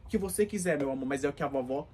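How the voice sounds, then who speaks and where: A man's voice: on the high side, very fast, darkish tone, breathy edge. A man playing a doting poor grandma. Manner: doting, coaxing, then scolding. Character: poor loving grandmother, fussy and sentimental. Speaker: comedy skit performer. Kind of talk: comedic sketch acting.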